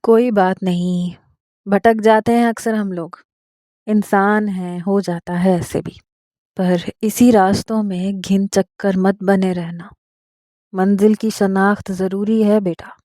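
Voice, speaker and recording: Woman doing a gentle old imam, unhurried, warm and patient. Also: medium pitch, steady tone, no echo, studio quality, natural voice. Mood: coaxing. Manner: slow, soothing, gently persuasive. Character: kind old male mosque imam, patient and fatherly.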